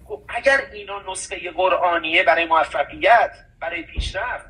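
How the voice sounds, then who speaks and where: A man's voice: high voice, sharp tone, recorded from a distance, poor audio. A man hosting a conversation, talking emphatically in a preachy way and reciting scripture.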